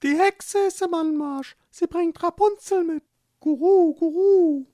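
A narrator voicing a flock of excited doves in a storybook, cooing between their words. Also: very high voice, unhurried, voice pushed up. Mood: agitated cooing. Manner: cooing interjections. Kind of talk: storybook reading.

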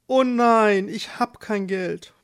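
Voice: medium pitch, takes it slowly, clean tone, pitched above the performer's own voice. A storyteller voicing a worried, timid working man who speaks in an anxious, pleading way, for a children's storybook. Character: worried, timid male worker.

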